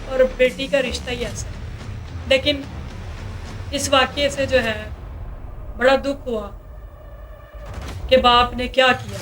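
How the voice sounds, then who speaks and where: A woman's voice: high voice, a bit bright. A woman news anchor retelling a crime story dramatically and speaking directly to her viewers.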